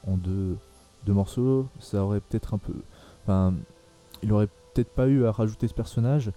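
A man's voice: on the low side, normal speed, dark tone, faint music behind. A young man hosting a casual film podcast, talking hesitantly with many fillers and restarts. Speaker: podcast host.

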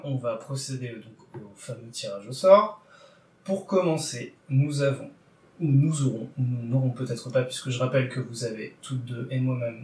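A man's voice: medium pitch, darkish tone, recorded from a distance. A man hosting a podcast segment, talking in a playful, wordy, teasing way. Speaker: podcast host running a book draw. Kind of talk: casual podcast chat. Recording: roomy, a little off-mic.

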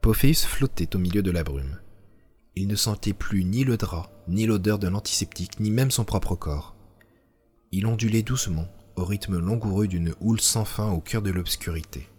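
Deep-voiced male narrator. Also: moderate pace, darkish tone, slightly rough. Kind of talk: scripted audiobook narration.

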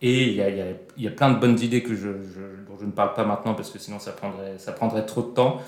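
A man's voice: fairly low pitch, steady tone, quick pace. A man hosting a casual film discussion, talking with frequent fillers and restarts. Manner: hesitant, with many fillers and restarts. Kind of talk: casual film review chat. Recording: roomy echo.

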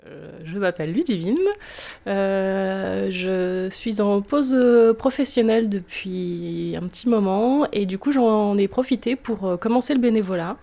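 A woman's voice: medium pitch, unhurried, vocal fry, warm tone. A woman who volunteers, introducing herself hesitantly with many fillers. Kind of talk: self-introduction.

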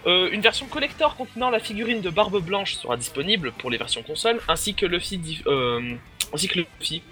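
High, bright-voiced young man. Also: animated, fairly quick, faint music behind. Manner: enthusiastic, joking, rambling with fillers. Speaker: podcast co-host presenting game news. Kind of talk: casual gaming podcast chat.

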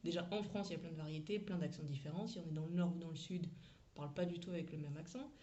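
A woman's voice: deep voice, fairly even intonation, rapid-fire, mellow, highs cut off. A woman who teaches English, talking through a lesson in a chatty, frank way with slang and asides. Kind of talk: casual teaching monologue.

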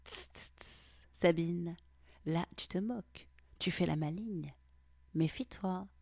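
Whispered role-play of a smug, confident man in an audio story, voiced by a woman in her own register. The lines come sly and half-whispered at a slow pace, with a low voice for a woman. The sound is close and dry. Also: creaky, dark tone, slightly rough, no room sound, heavily acted.

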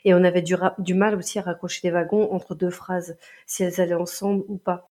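A woman speaks in French with a mellow, warm tone. She co-hosts a relaxed chat and explains song lyrics at length, frank and joking. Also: fairly low pitch, brisk. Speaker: podcast co-host.

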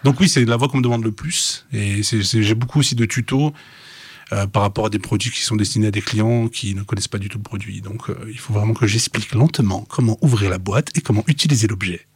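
Man, voice actor, husky voice, fast enthusiastic storytelling, casual interview. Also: on the low side, fairly even intonation.

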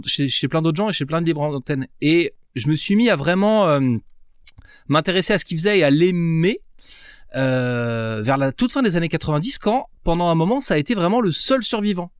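A man talks through his memories in a relaxed remote conversation, pausing often to search for words. His voice is smooth and clear, recorded with a dry sound and no room echo. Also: a little high. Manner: reflective, hesitant with many fillers. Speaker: podcast guest. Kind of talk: casual chat.

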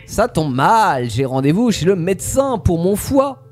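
A man voicing a fussy male duck in a told fairy tale, his voice pushed up and excited. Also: high voice, measured pace, faint music behind.

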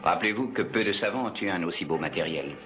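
An actor playing a cold, commanding male hypnotist in a dubbed old film, speaking slowly and with menace. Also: sits low, animated. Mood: menacing. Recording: tinny lo-fi film clip with music.

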